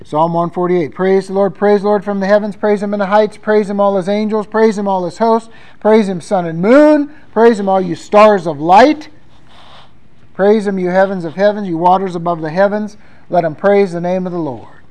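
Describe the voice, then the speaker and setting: A man's voice: high-pitched, moderate pace, darkish tone, poor audio. A male pastor delivering a sermon, talking conversationally and reading scripture aloud with emphasis.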